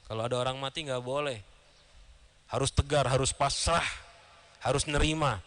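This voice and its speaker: A man giving a sermon in a large mosque, telling stories lively and acting out the dialogue with chuckles. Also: medium pitch, normal speed. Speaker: preacher.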